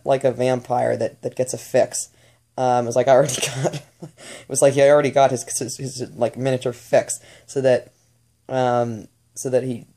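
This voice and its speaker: Halting woman with a mellow, dark tone. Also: very deep voice. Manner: halting, with many fillers and restarts; muses aloud, working through ideas as she speaks. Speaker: channeler recounting spirit messages. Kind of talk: unscripted spoken monologue.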